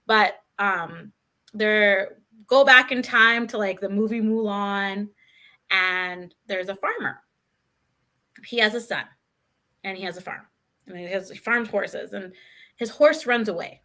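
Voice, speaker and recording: A woman speaking as a guest, telling a story in a chatty, animated way with many "like"s and "right?"s. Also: mid-range voice, takes it slowly, pauses often. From Canada. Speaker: guest, author. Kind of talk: casual conversational storytelling.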